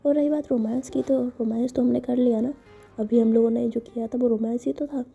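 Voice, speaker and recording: A woman voicing a playful young woman who teases and brushes things off, in a husky, mellow voice. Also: fairly high pitch, fairly even intonation, brisk, muffled recording, soft background music. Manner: teasing, giggly.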